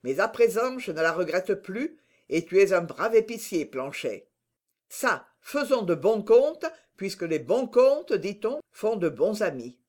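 A storybook reader voicing D'Artagnan, a bold swordsman who gives brisk, commanding orders. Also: mid-range voice, sing-song, a little mellow. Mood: hearty.

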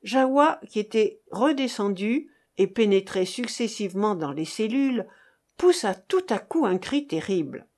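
A woman narrating a classic novel as an audiobook, in a measured, expressive reading. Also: mid-range voice. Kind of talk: scripted literary narration.

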